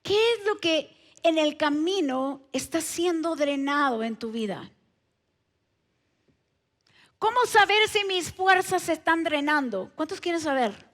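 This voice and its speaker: A woman's voice: sits high, animated, unhurried, pauses often. A woman pastor preaching in a church, emphatic and asking the congregation many direct questions. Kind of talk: sermon. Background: soft keyboard music.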